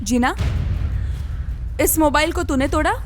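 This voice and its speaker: An actress playing a strict, anxious aunt in a dubbed film, scolding and pleading. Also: female voice, high-pitched, unhurried, faint music behind. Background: film score.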